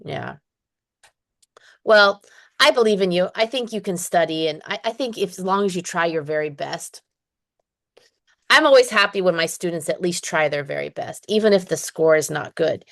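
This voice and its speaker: A woman's voice: on the low side, expressive, normal speed, gravelly, a bit bright. A woman teaching an online English lesson, chatty and encouraging, with frequent laughs; she is dizzy today. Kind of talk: one-on-one online lesson chat.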